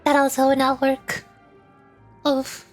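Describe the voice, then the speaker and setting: A woman VTuber speaks slowly in a high, monotone voice as she chats casually with livestream viewers. Her talk is rambling and playful with frequent repeated words, and music plays behind her.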